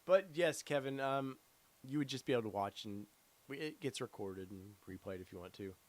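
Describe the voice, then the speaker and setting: A middle-aged man, a podcast host, talks fairly quickly in a mid-range voice during a relaxed live stream. He reads out viewer chat, rambling and using lots of fillers. His voice is getting worn as it gives out.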